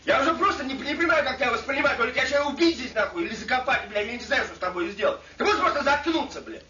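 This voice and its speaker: An actor playing a furious, foul-mouthed captive soldier who shouts and mocks. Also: male voice, extremely high pitch, expressive, very fast, recorded from a distance, full character voice. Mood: exasperated shouting. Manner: shouting, swearing constantly, mocking. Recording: echoey lo-fi room from afar with faint noise.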